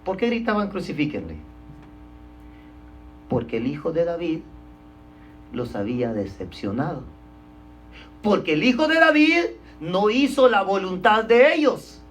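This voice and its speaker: A male pastor preaching a sermon, stressing points loudly and then dropping to a hush, and often calling his listeners brother. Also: high voice, sing-song, measured pace, faint music behind. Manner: emphatic preaching, swinging between loud stresses and hushed drops; keeps addressing listeners as brother.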